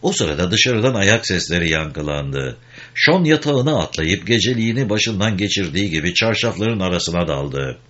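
A man reads an audiobook in a deep voice with a very lively, expressive delivery. The recording sounds dull and lo-fi. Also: moderate pace. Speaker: audiobook narrator. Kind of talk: scripted narration.

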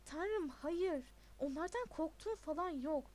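A woman's voice: sits high, lively intonation, a little slow, a little mellow. A woman reading a storybook, voicing a nervous, rule-bound teenage schoolboy with an anxious, indignant tone.

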